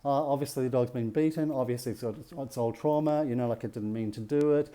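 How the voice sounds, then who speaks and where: A man's voice: medium pitch, quick pace, dark tone. A middle-aged man leading a relationship workshop, teaching a group and often checking in with rhetorical questions.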